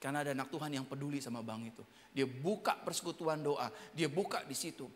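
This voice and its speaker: A man pastor with an Indonesian accent preaching a sermon in a large auditorium, swinging between quiet talk and sudden loud shouts. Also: fairly high pitch, quick pace, in a large hall. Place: hotel auditorium church service.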